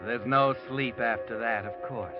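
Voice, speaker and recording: A man's voice: mid-range voice, steady tone, a little slow, lightly acted. An actor playing a mysterious male narrator who addresses a murderer in the second person, in a 1940s radio drama. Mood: sinister. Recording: dull old radio recording. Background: radio drama music.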